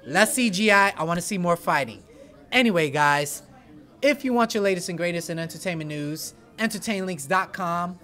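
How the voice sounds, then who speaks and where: A man hosting an entertainment news show, talking in an animated, chatty way with playful asides. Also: high voice, normal speed. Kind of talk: energetic entertainment news chat.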